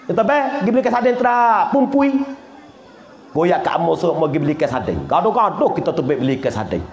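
Man, religious teacher, high voice, jokey, sudden shouts, echoey room. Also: sing-song, brisk. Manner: jokey, laughs often, bursts into shouts. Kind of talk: humorous religious lecture.

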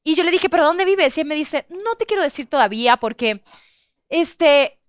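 Lively high-voiced woman telling a story. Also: normal speed, no room sound, clean studio sound. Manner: expressive storyteller, acts out quotes with loud outbursts and laughs. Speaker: guest host telling a story. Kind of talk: animated anecdote on a chat show.

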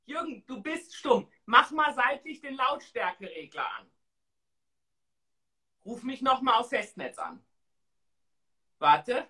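A woman with a fairly high, bright voice that moves up and down a lot. She speaks casually and expressively, as the host of a chatty live stream. Her delivery is exclamatory and forward. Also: animated, takes it slowly, long pauses. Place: small tiled room indoors.

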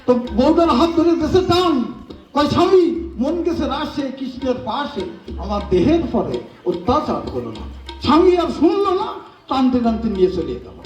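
On stage, a kobi gaan performer with a Bengali accent and a very high voice tells a devotional folk story, captured with a distant mic in a roomy space. It's sung storytelling with acted dialogue, delivered animatedly as he shifts voices for the characters.

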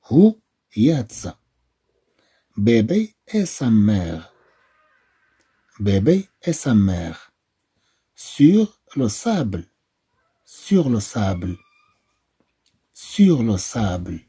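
A man's voice: lowish voice, big pitch swings, drawn-out words, pauses often, dark tone, slightly rough. A male teacher with a Moroccan accent leads a beginners' phonics lesson, spelling letters and then sounding out each syllable, repeating every one. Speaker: French teacher.

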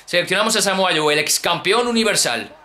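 A young man with a Peninsular Spanish accent giving excited let's-play commentary, exclaiming and repeating himself as he talks to his viewers. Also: high voice, a little fast, reverberant. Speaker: gaming YouTuber.

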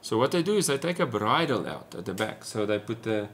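A man's voice: on the low side, animated, brisk, a bit bright, a little hiss or hum. A man in his forties from South Africa with an Afrikaans accent, explaining things casually as a vlogger talking to camera indoors. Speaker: sailing vlogger. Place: small room at home, indoors.

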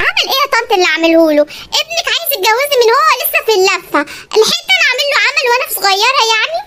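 A performer voicing a stubborn young bride in a comedy cartoon, speaking Egyptian Arabic in a sharp, defiant manner. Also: sing-song, slight background noise, exaggerated voice. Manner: sharp, defiant, fast squeaky voice. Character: stubborn young woman bride refusing a suitor.

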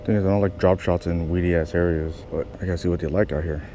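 A fishing vlogger mutters casually to himself while fishing from a small kayak on a lake, swearing often. His deep, mellow voice is steady in tone and fast. It was recorded on a head-mounted action camera, with slight background noise.

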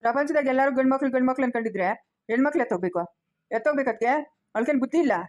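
Woman acting stern village elder, sharp scolding, rural Chikkaballapur Kannada accent, high quick voice. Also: dull audio, natural voice. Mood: lecturing. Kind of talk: village family skit.

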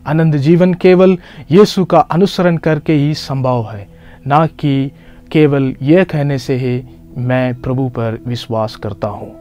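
A man in his thirties, a priest, giving a measured, earnest sermon to the camera. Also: a little high, a little mellow. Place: in front of a church altar backdrop.

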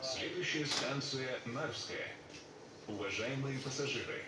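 A man's voice: mid-range voice, a little slow. Man's announcements over a train intercom. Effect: announcement over the train intercom loudspeaker. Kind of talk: formal station announcements. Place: inside a moving train carriage. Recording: echoey, distant loudspeaker with loud train noise.

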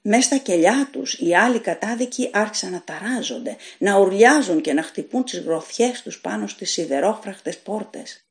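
A woman narrating a short story as an audiobook reader, in a measured, dramatic storytelling manner. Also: medium pitch, expressive. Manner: measured, dramatic storytelling that voices characters' shouts.

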